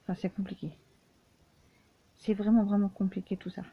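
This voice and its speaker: A woman vlogging casually, speaking haltingly with many restarts and fillers, often tired and short of breath. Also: mid-range voice, level tone, husky. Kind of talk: casual personal vlog. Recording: tinny phone-like sound.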